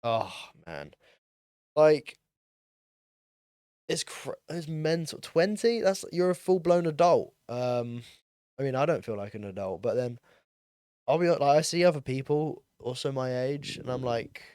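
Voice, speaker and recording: Rambling young man, smooth dry voice. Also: mid-range voice, animated, measured pace, pauses often, a little mellow, dry recording. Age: young adult, turning twenty. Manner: rambling, self-deprecating, many ums and likes. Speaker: podcast host. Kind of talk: casual solo monologue.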